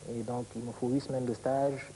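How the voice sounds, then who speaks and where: A man's voice: mid-range voice, flat delivery, normal speed, background noise. A young man from Senegal, a quiz contestant speaking politely and formally in a TV studio. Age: young adult.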